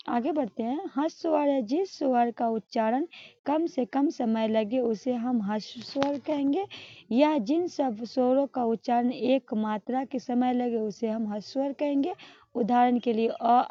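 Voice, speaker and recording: A woman with a slightly high voice teaches an exam-prep grammar lesson, explaining things step by step and asking questions that she answers herself, ending points with a checking "all right?". The recording has no room sound but is dull and lo-fi.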